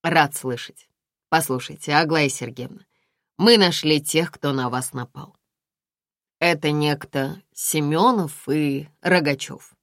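A woman's voice: low-pitched, dry recording. A woman reading an audiobook, voicing a male police investigator who speaks formally and drily. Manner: formal, measured, dry. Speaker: audiobook reader.

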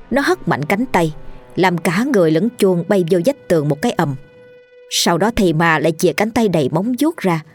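A woman with a Southern Vietnamese accent narrating a ghost story in a lively, colloquial storytelling manner. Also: fairly low pitch.

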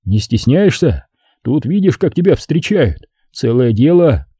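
A tender, slightly awkward grown man, as a narrator plays him speaks in fatherly, teasing banter. His voice is dark and husky, with a lively pitch. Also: unhurried, no room sound, studio quality. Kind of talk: audiobook reading.

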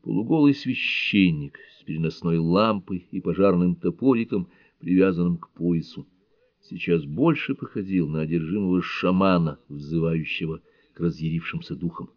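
A man narrates an audiobook in a low, steady, measured voice. The recording is dry, with no room sound, and has a slightly dull, lo-fi tone. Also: dry recording.

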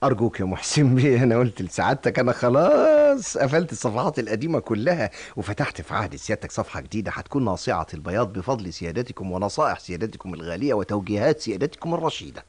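Atiya, a fawning clerk. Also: male voice, on the low side, sing-song, rapid-fire, few pauses, darkish tone, slightly rough. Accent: Egyptian Arabic. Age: middle-aged. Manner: fawning, overly deferential, then breaks down pleading. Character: timid flattering middle-aged male clerk. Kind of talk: radio drama acting.

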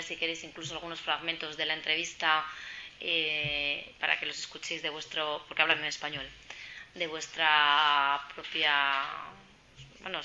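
A woman's voice: low voice, sharp tone, lo-fi sound, a little hiss or hum. A woman journalist from Spain giving an informal talk, chatty and storytelling, acting out the voices in her anecdotes. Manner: chatty, storytelling, acts out quoted dialogue. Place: social centre meeting room.

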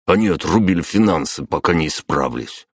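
Rough deadbeat dad, pushy and wheedling , played by the male reader, dry close sound. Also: sits low, lively intonation, brisk, no echo. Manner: pushy, wheedling, rising to panicky. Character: rough, begging deadbeat father, middle-aged man.

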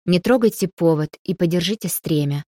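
A woman's voice: fairly low pitch, moderate pace, no echo, clean studio sound, lightly acted. Woman reading as a curt, imperious young lady. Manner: curt and sharp-tongued. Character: cool, imperious young noblewoman. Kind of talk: audiobook character reading.

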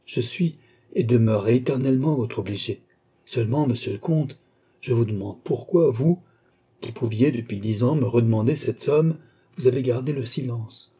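A man's voice: mid-range voice, normal speed, warm tone, slightly rough, close to an everyday voice. A man reading a proud cardinal prince in financial distress, haughty yet anxious and pleading. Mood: anxious pride.

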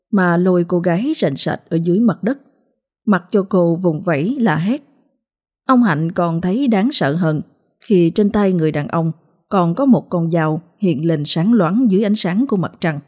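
A woman narrates a ghost story with steady drama. Her voice is low-pitched, dark and a little husky. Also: moderate pace.

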